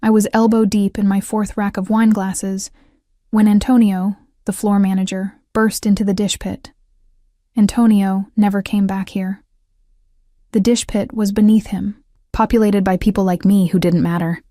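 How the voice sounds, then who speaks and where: Flat-toned woman narrating an audiobook. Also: mid-range voice, normal speed, no echo, clean studio sound. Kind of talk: first-person romance audiobook narration.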